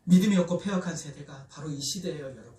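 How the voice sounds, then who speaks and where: A man's voice: a little high, fast talker, mellow. A man preaching a sermon as pastor, animatedly asking the congregation questions and leading them in call-and-response. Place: church sanctuary. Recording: roomy church hall, voice from a distance.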